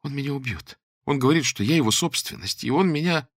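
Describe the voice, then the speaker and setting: A man voicing a frightened young woman who speaks high, hushed and anxious. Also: animated, quick pace, dry recording, clean studio sound.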